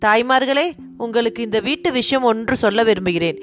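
A woman's voice: on the high side, brisk, close to an everyday voice. A woman doing a mocking tall thug. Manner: mocking, commanding.

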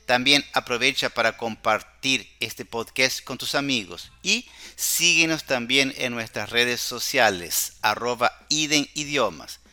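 A man's voice: medium pitch, unhurried, hardly any pauses, bright, forceful tone. A man hosting a language podcast, explaining a recipe step by step as a Spanish teacher and constantly checking in with short tag questions. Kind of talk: slow explanatory recipe lesson. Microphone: podcast microphone.

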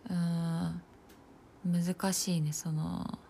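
A young woman in her twenties talking casually and alone in a slightly low voice. She muses loosely as she goes, trailing off into fillers and small laughs. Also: flat delivery, extremely slow, gravelly, a little hiss or hum. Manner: musing, loose and chatty, with soft laughs and frequent fillers. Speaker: nursing student podcaster. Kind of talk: casual solo talk.

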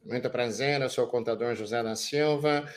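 A man's voice: mid-range voice, moderate pace, pitched below the performer's own voice, lightly acted. Man doing a boring, boastful accountant who drones on about his credentials. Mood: droning. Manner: droning, monotonous self-promotion. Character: boring self-important male accountant listing credentials.

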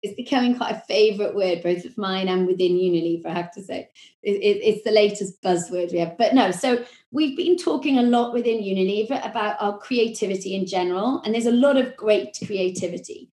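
A woman with a Welsh accent, a marketing executive explaining her work in a podcast interview, measured and full of corporate phrasing. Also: medium pitch, warm tone, roomy sound.

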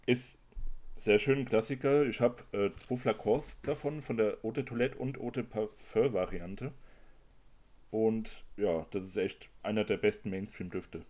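Casual male co-host, low-pitched, chatty and quick to laugh. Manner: chatty, animated, laughs often while sniffing samples. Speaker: perfume reviewer co-host. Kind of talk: casual chat.

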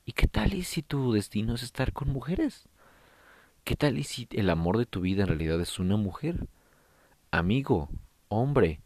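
A man's voice: deep voice, darkish tone, no room sound. A man with a Mexican accent, talking casually and frankly to his viewers, full of crude jokes and slang. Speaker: vlogger giving advice.

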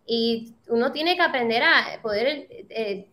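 A woman with a fairly high voice talks shop as a voice actor in a relaxed interview. She hammers her points by repeating key words and drops English phrases into her Spanish. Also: measured pace. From Puerto Rico. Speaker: voice actor guest. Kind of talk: casual interview chat.

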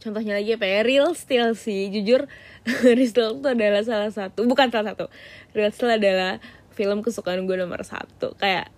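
A woman's voice: medium pitch, normal speed. A woman hosting a solo podcast, chatting in a slangy, gushing way with lots of fillers. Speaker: podcast host. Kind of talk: casual solo podcast chat.

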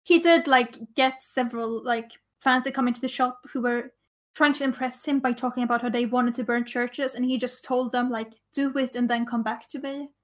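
A woman's voice: on the high side, steady tone, normal speed. A woman co-hosting a casual comedic podcast chat, rambling and swearing freely. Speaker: podcast co-host.

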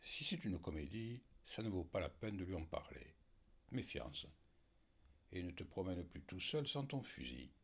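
A man's voice: sits low, big pitch swings, normal speed, vocal fry, breathy edge, heavily acted. A man voicing a wary, stern old peasant grandfather in a storybook reading. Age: older.

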